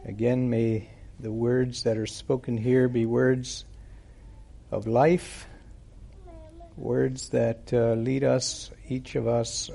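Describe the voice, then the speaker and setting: A man preaching and praying at a church service, speaking into a pulpit microphone in an unhurried, deliberate way with frequent pauses. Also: medium pitch, flat delivery, creaky, dark tone. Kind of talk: sermon with prayer.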